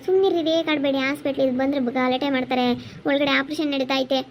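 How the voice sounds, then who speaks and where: A woman playing a calm relative who tries to soothe an angry husband. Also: high-pitched, fast talker, close to an everyday voice. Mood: soothing. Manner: soothing, placating. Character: calm female relative, peacemaker at hospital. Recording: dull, slightly noisy recording.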